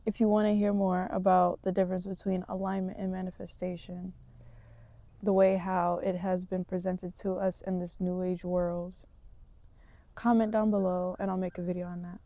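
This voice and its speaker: A woman's voice: fairly low pitch, little pitch movement, moderate pace, warm tone, dry recording. A woman talking to camera in a casual vlog, reflective and motivational, rambling a little with fillers. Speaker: vlogger.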